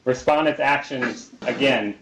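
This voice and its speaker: A male defense lawyer making a formal, measured oral argument, heard as a played-back recording of a court hearing. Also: mid-range voice, fairly bright tone. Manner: measured, methodical, enumerating points. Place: appeals courtroom. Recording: echoey courtroom recording with faint hiss.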